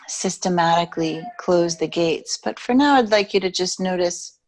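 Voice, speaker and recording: Guiding a yoga nidra session, this woman yoga instructor speaks slowly and calmly, pausing at length between phrases. Her pitch is fairly low.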